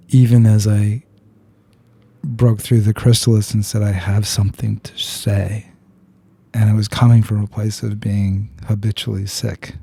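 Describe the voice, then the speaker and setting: In a dry recording, a podcast host with a lowish, creaky, mellow voice and a breathy edge tells his guest a personal story. He's earnest and candid, searching for words, restarting often, and swearing bluntly.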